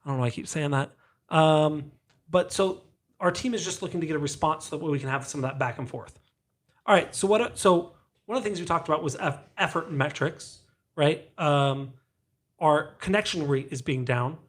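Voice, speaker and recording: A man hosting a casual podcast, animated and telling stories with acted-out dialogue. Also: a little high, moderate pace. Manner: animated storyteller who acts out quoted dialogue. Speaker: podcast host.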